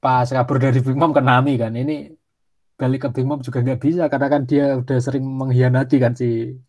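A man's voice: mid-range voice, flat delivery, brisk, darkish tone, dull audio. A man chatting casually, mostly giving short agreeing replies and asking follow-up questions. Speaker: podcast co-host. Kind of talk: casual chat.

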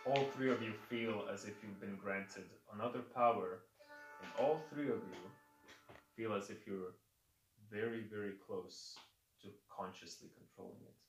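A man's voice: on the low side, moderate pace. A man narrating as game master of a tabletop game, in a loose, hesitant manner full of fillers. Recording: echoey room, distant mic, faint music.

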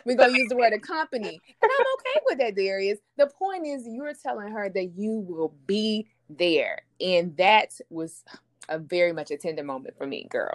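A woman co-hosting a recap chat at a middle pitch that swings widely as she talks. She is emphatic and warm-hearted in her reactions and breaks into laughter often. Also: very animated, moderate pace. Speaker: podcast co-host.

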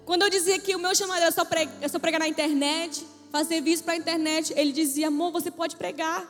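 A young woman with a Brazilian accent delivers a lively, self-mocking sermon, acting out each exchange in her story. Her voice sits very high. It carries a long hall echo, with soft music underneath. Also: fast talker. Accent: Brazilian Portuguese. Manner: animated storytelling, self-mocking, plays out dialogue. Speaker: preacher. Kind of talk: humorous testimony sermon. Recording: reverberant hall with faint music.

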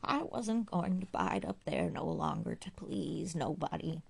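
A hollow, half-whispered old countrywoman, as a woman reader puts her on, crusty and scornful, grumbling in rustic dialect. The voice sits low and dark, with a gravelly edge and a breathy rasp. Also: sing-song, measured pace, heavily acted. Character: crusty bedridden old aunt, blunt and scornful.

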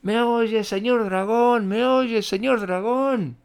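A man voicing a brave, determined young princess in a children's storybook reading, with an excited, cunning manner. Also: medium pitch, unhurried.

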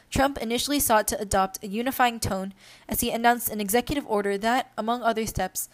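A young woman hosting a podcast, reading news articles aloud and breaking off into unscripted remarks with fillers. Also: a little high. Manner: unscripted asides with fillers between read passages. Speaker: podcast host.

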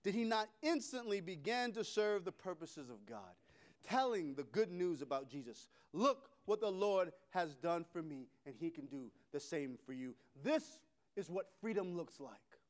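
Male preacher, high and animated pitch, dramatic loud-to-hushed swings, repetitive rhetorical cadence. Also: unhurried. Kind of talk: sermon.

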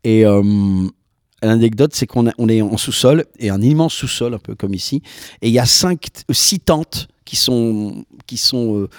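A man, a voice actor guest, telling anecdotes in a casual chat with lively, rambling delivery full of restarts and mimicked quotes. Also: mid-range voice, a little slow, no echo, studio quality. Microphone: podcast microphone.

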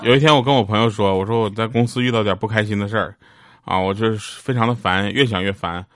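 A man's voice: fairly low pitch, fast, music in the background. A man telling a string of short funny anecdotes in a chatty way, often laughing at his own punchlines. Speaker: comedic storyteller. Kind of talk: comedic storytelling monologue.

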